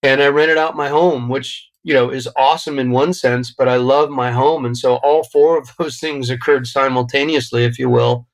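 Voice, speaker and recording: A middle-aged man speaks as an interview guest, pitched at an ordinary level for a man. He tells his story in a reflective, heartfelt way, often restarting his sentences. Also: fairly even intonation, moderate pace, hardly any pauses, low-quality recording. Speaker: podcast guest. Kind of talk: interview conversation.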